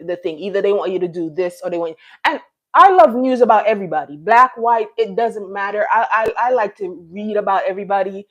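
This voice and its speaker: Chatty middle-aged woman from Jamaica. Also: mid-range voice. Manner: chatty, rambling, many restarts and fillers. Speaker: live stream host. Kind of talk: casual live chat.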